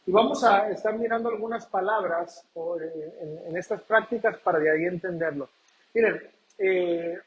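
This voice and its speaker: A man's voice: sits high, a bit bright. A man from Mexico preaching a sermon, often calling out to the congregation and asking rhetorical questions. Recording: echoey church room.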